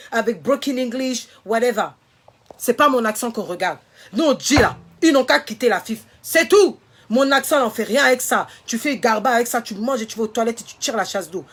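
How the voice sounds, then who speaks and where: A woman's voice: high voice, fairly bright tone. A woman delivering an impassioned vlog rant to her viewers, emphatic and indignant, hammering home her points by repeating them. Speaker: social media commentator.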